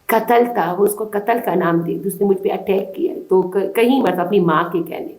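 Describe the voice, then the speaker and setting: A woman from Balochistan, Pakistan, pours out an urgent, pleading account to an interviewer. Her voice sits in the middle of her range and has a mellow, darker tone. The recording carries a noticeable roomy echo. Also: medium pitch. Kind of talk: emotional testimony to a reporter.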